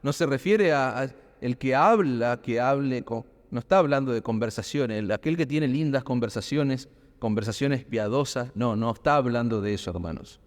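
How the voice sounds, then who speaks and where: A man's voice: medium pitch, normal speed. A man preaching a sermon, asking rhetorical questions and building emphasis. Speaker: pastor. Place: church hall. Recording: long hall reverb.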